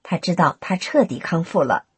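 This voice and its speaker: Woman, earnest storytelling narration, very husky breathy voice, lively intonation. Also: fairly low pitch, moderate pace, dry recording. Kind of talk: scripted first-person testimony reading.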